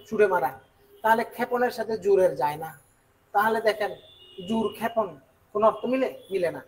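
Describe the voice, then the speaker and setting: A man from Bangladesh working through exam questions as a tutor, repeating key words and asking quick check questions. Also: high voice, poor audio. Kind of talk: exam question walkthrough lesson.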